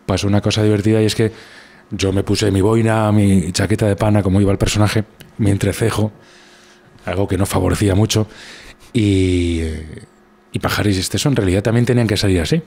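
A man's voice: fairly low pitch, steady tone, a little fast, gravelly, darkish tone. A man with a Spanish accent, a guest comedian telling rambling anecdotes in casual conversation, with many restarts.

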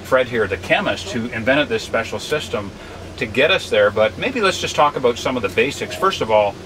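A man's voice: mid-range voice, animated, fairly quick, background noise. A middle-aged American man hosting in a casual, chatty, enthusiastic and emphatic way. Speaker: host.

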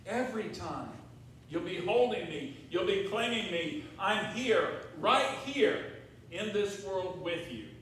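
An older American pastor preaches a conversational sermon at the pulpit of a large sanctuary, using repeated phrases, emphatic pauses, rhetorical questions, and check-ins with the congregation. His voice sits high and sounds expressive and a bit bright. A far-off camera mic captures it, leaving heavy church echo and faint noise.

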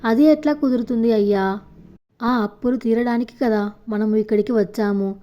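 A woman voicing a humble, patient male village watchman who speaks gently and respectfully. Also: fairly high pitch, steady tone, moderate pace, dull audio, close to an everyday voice. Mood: consoling.

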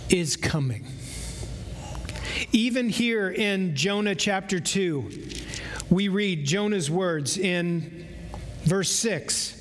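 A middle-aged male pastor delivers a sermon in a slow, deliberate cadence, his fairly high voice leaning hard on each key word. The sound carries a long church reverb with faint room noise underneath. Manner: slow, emphatic preaching with drawn-out pauses. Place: large church sanctuary with stage.

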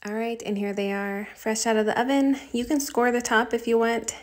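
A woman's voice: a little high, flat delivery, fairly quick, dry recording. A woman in her thirties talks through her baking in a home kitchen, picked up by a phone camera on the counter. She rambles in a chatty way, trails off with fillers and slips in little laughs. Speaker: home cooking vlogger. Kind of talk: casual chatty baking tutorial.

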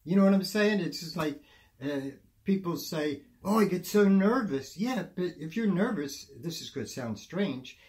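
Older male guest, animated and pitch-varied, dispensing folksy pep-talk advice. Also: normal speed. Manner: animated, folksy advice-giving with many "you know"s. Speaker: guest, music industry veteran. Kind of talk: motivational interview talk.

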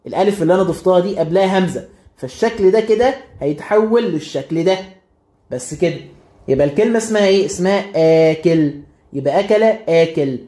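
A quick-paced man with an Egyptian accent teaches a grammar lesson. His voice sits high, and he keeps asking and answering his own questions. The room around him is echoey. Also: darkish tone. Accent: Egyptian Arabic. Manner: quizzes himself and repeats rules. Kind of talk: classroom explanation.

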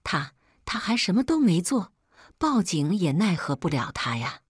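A wheedling young daughter, pregnant and scheming, stammering as she begs for money, as a woman reading the story puts her on. Her voice sits fairly low and sounds dry and close, with no room around it. It is plain storybook telling, not a showy performance. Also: animated, a little slow, no room sound. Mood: pleading. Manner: pleading, stammering. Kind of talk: scripted storytelling.

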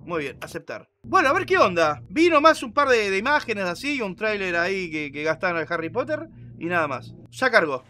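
A man's voice: sits high, sing-song, a little fast, hardly any pauses, bright, forceful tone. A man with a Rioplatense Argentine accent giving slangy, joking, casual livestream commentary on a video game. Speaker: game streamer. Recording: noisy game audio behind voice. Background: video game sound.

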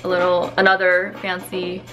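A young woman chatting casually in a vlog, sick and hoarse from losing her voice. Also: on the low side, completely flat delivery, normal speed, low-quality recording. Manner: laid-back, chatty. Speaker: vlogger.

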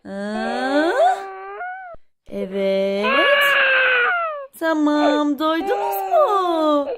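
Woman, very high voice, slow unhurried talk, motherly sing-song to baby dolls, loud background noise. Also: very animated. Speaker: toy play video host. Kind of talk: toy play narration, talking to baby dolls.

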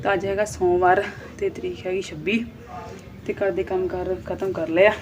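A woman's voice: fairly low pitch, flat delivery, normal speed, a crowd in the background. A woman in her thirties from Punjab with a Punjabi accent, talking casually to her vlog viewers in a plain-spoken, scolding way. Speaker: vlogger.

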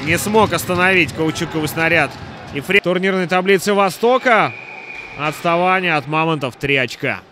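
A man's voice: a little high, moderate pace, over music. A man giving play-by-play commentary on an ice hockey game.

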